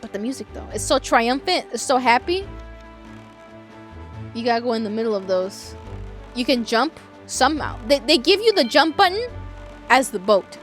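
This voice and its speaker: Female game streamer, high and very animated, chatty and playful, touch of vocal fry, music behind. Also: moderate pace, pauses often. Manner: playful, chatty, reacting to viewers. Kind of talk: casual livestream chat over gameplay.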